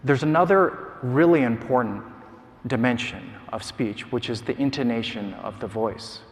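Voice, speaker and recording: A man giving a measured, explanatory academic lecture in a large conference hall, with occasional filler sounds. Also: mid-range voice. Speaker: scientist giving a prize lecture.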